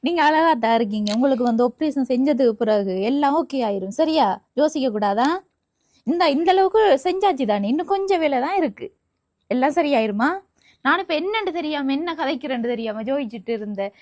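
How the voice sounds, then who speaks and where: A woman's voice: high voice, lively intonation, brisk. Soothing Sri Lankan Tamil woman vlogger. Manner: soft, soothing, reassuring. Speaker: vlogger visiting a family. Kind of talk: casual conversational interview.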